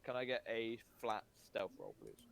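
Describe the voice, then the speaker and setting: A man's voice: on the low side, sing-song, moderate pace, creaky, a little hiss or hum. A man running a tabletop game as game master, rambling and restarting his sentences, with casual swearing.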